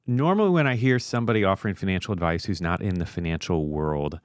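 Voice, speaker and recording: A man hosting a casual live stream, chatty and relaxed with many fillers. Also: sits low, quick pace, clean tone, no room sound, studio quality. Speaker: host.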